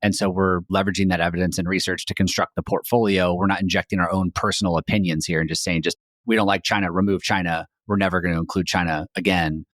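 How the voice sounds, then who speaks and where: A man hosting a podcast, asking measured, probing questions of his guest. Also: low-pitched, fairly even intonation, a bit bright, no echo, studio quality. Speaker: podcast host. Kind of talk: interviewing a guest.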